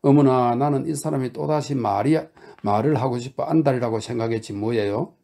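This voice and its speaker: A fiery young woman who nags, coaxes and orders everyone about, as a male audiobook narrator puts her on. The voice is lifted and gravelly, with a dark, mellow tone and a sharp, insistent push. Each line is pressed hard, half teasing and half scolding. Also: mid-range voice, fairly quick, natural voice. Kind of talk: audiobook character reading.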